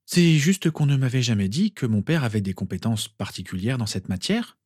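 A man's voice: mid-range voice, lively intonation, moderate pace, a little mellow, breathy edge, no echo, studio quality. A man voicing an earnest, worried teenage boy in a storybook reading, speaking sincerely.

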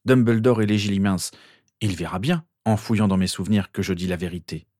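A man's voice: on the low side, brisk, a little mellow, no room sound, studio quality, lightly acted. A man reading the part of an earnest, desperate young wizard boy. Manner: pleading, insistent.

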